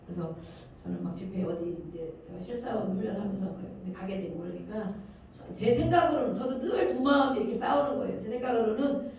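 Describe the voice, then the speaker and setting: A woman's voice: quick pace, slight background noise. Older woman pastor preaching in an echoey hall. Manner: earnest, swells loud on key phrases then drops low. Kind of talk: sermon. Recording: very echoey room, speaker far from mic.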